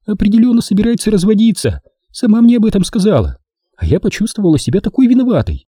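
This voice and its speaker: A man voicing a playful, chatty young woman who teases her lover, raising his pitch high. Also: sing-song, fast, dark tone, husky, dry recording, clean studio sound, exaggerated voice. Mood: teasing. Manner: chatty, teasing.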